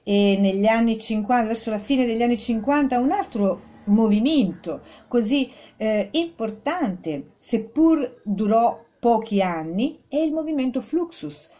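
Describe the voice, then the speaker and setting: A woman giving a spoken art history lesson, informal, with many fillers and restarts, stressing key words with rising pitch. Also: dark tone. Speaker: art teacher.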